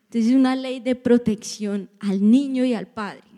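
A woman pastor giving a sermon in a church, lively, with joking asides to the congregation. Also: a little high, normal speed, in a large hall.

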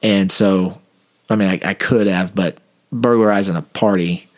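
Brief: male cop, lower voice, casual animated storyteller. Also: normal speed. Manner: animated anecdote with acted-out quotes. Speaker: police officer.

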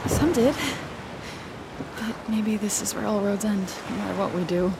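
A woman's voice: medium pitch, steady tone, moderate pace, creaky, background noise, lightly acted. A woman acting an earnest, wounded young best friend in an audio drama, speaking with emotional insistence. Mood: subdued.

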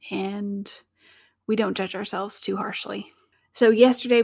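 A woman co-hosting a teaching podcast from home, talking in a chatty, informal, self-deprecating way. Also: medium pitch. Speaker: podcast co-host, science teacher. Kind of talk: casual solo podcast talk. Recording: uneven home audio, edited.

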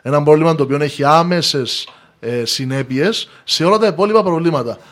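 A man's voice: a little high, fairly bright tone. A man with a Cypriot Greek accent, explaining his opinions as a guest in a podcast discussion.

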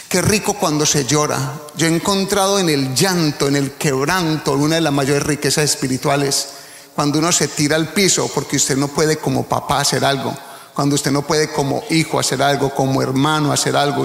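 A man's voice: medium pitch, gravelly. Pastor man preaching in an echoey hall. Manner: earnest, rising to fervent preaching. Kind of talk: sermon. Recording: echoey hall with long reverb.

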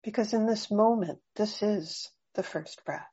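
A woman guiding a slow breathing meditation, speaking softly and soothingly with long pauses. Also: mid-range voice, husky, lo-fi sound. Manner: slow, soft, soothing and unhurried. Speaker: meditation guide.

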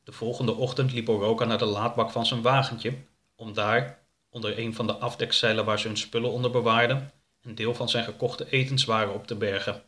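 A man reading a children's story aloud in a calm, even storytelling manner. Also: mid-range voice, a little fast. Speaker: narrator. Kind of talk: storybook narration.

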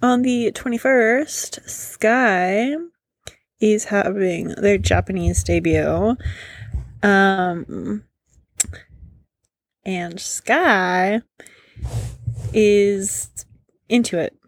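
A woman's voice: medium pitch, very slow, pauses often, no echo. A tired woman co-hosting a podcast in casual chat, rambling and self-deprecating, laughing often. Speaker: podcast co-host.

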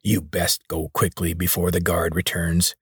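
Weary maimed mutant, gravelly rasp, half-whispered; a man plays him. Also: deep voice, little pitch movement, measured pace, fairly bright tone, no room sound, clean studio sound, exaggerated voice. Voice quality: hoarse, rasping. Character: maimed mutant male leader, weary, rasping.

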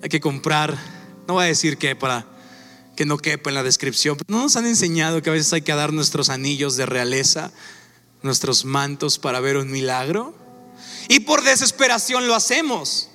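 Animated pastor, high bright voice. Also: male voice. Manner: animated, acts out characters in quick asides. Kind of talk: sermon. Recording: echoey hall with faint music. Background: faint music.

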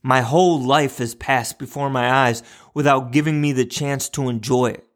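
A man voicing an old man who regrets his rushed life, speaking bluntly and plaintively. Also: mid-range voice, fairly even intonation, fairly bright tone, close to an everyday voice. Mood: regretful.

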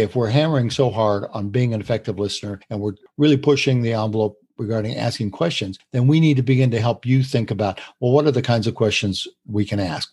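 A man's voice: mid-range voice, darkish tone, breathy edge. A man co-hosting a talk show on communication, explaining points earnestly and laughing easily. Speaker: co-host. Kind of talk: conversational podcast talk on communication.

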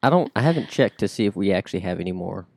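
A man's voice: deep voice, expressive, rapid-fire, creaky, a little mellow, husky, no echo. Man podcast host with dry quips. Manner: short interjections, dry jokes. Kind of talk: casual chat.

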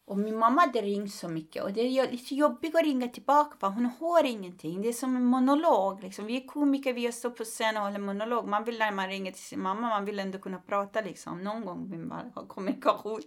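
A woman's voice: on the high side, hardly any pauses. A woman comedian talking frankly in a casual interview, laughing often and using many fillers.

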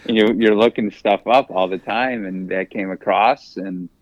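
A man with a low voice, a track coach, recounts his stories in a laid-back, hesitant way. The sound is dull, lo-fi and dry. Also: dry recording. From United States. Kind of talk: casual interview.

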